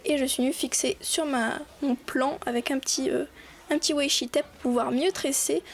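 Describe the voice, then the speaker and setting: A woman's voice: high-pitched, steady tone, normal speed, slight background noise. A young woman hosting a casual voice-over craft tutorial, chatty and full of fillers and restarts.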